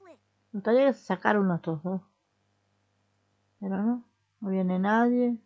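Young Rioplatense woman streamer, easygoing running commentary, middle pitch, slightly dull sound. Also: a little slow. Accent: Rioplatense Spanish. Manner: chatty, talks to herself and the game characters. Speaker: gaming streamer. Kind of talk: casual gameplay commentary.

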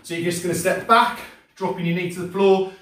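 A man's voice: sits high, fairly even intonation, brisk, a bit bright, a little hiss or hum. A middle-aged man leading an exercise class as instructor, coaching in short, encouraging commands. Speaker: fitness and martial arts instructor. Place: indoor home gym, hard walls. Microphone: distant camera mic across the room. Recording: echoey room, far from the mic.

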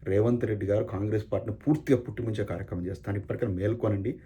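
Guy ranting about politics, quick and fired up, deep mellow voice. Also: steady tone. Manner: fiery, rhetorical, repeats angry questions. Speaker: political commentator. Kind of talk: impassioned political speech.

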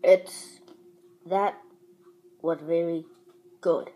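A woman's voice: lowish voice, steady tone, drawn-out words, very noisy. A woman chatting casually in a home vlog, talking while she eats breakfast. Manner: chatty, talks while eating. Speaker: vlogger.

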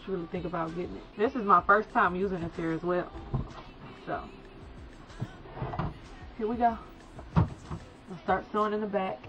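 A young woman with a slight cold talks viewers through a hair tutorial in a small room near a folding screen. Her voice is medium-pitched and moderately paced, broken up by long pauses, and her manner is chatty, calling the audience "guys." The recording is lo-fi and dull, with music in the background.

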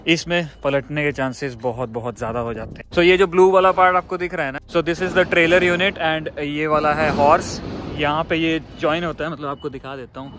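Young man, casual phone-selfie vlogger, slightly high voice, noisy outdoor recording with vehicles behind. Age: young adult. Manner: chatty, mixes Hindi and English. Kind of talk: casual vlog talk to camera. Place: outdoors at a truck depot and inside a truck cab. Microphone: phone held at arm's length.

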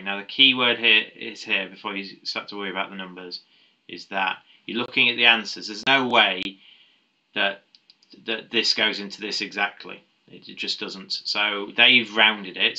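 Male maths tutor, lowish voice with a very bright edge, talks through problems aloud with ums and restarts. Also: lo-fi sound. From United Kingdom. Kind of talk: explaining a maths paper step by step.

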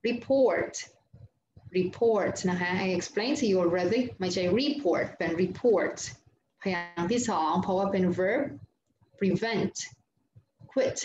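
A woman with a medium-pitched, animated voice speaks slowly as she teaches English grammar online in a Thai accent. She switches between Thai and English, reads out lists of words, and poses questions she then answers herself. The recording is roomy and dull, lo-fi with faint noise.

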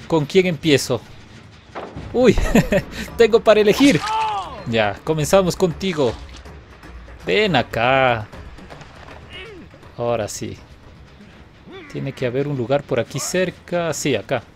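A man giving playful, taunting live commentary while playing a game, now and then breaking into excited laughter. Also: medium pitch, slow, pauses often, faint music behind. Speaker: gaming video host.

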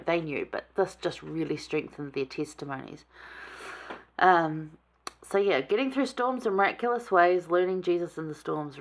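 A woman giving a casual, chatty scripture lesson, enthusiastic and conversational. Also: fairly low pitch. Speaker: scripture study teacher.

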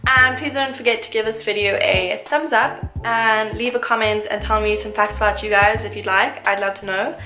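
Seated in an armchair, a vlogger in her twenties, a native English speaker, talks casually to camera to introduce herself, gushing with fillers. Her mid-range voice is sharp and steady, moderately paced with few pauses, recorded on a camera mic at medium framing amid roomy echo and faint music.

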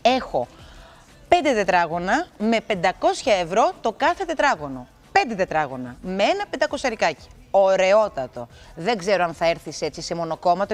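Chatty middle-aged lady hosting a tv game, kinda high voice, bouncy and playful. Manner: lively, chatty and playful, talks straight to viewers. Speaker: TV show host. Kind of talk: chatty TV game show presenting.

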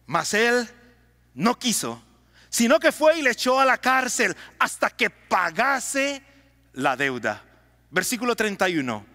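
Preaching in call-and-response style, this pastor gets his congregation to echo his lines. His voice is high, very animated, pushed and bright, his pace measured, and a long hall reverb fills the space.

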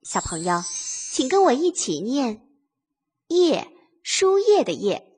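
A woman's voice: sits high, sing-song, slow pace, darkish tone, husky, soft background music. A woman narrating a scripted lesson for small children, simply and in a singsong way as if reading to a toddler, repeating words for listeners to follow. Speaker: children's literacy teacher and narrator.

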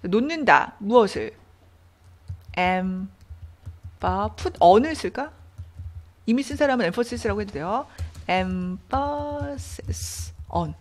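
Lively woman teaching an English lesson. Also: mid-range voice, slow, long pauses. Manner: explains grammar step by step, asking questions to students. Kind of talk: online English reading lesson.

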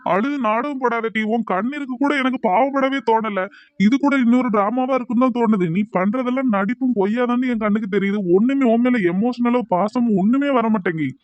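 A man's voice: very high voice, dry recording, dull audio. A man voicing an angry accusing husband. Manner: scolding, contemptuous. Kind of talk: cartoon voice acting.

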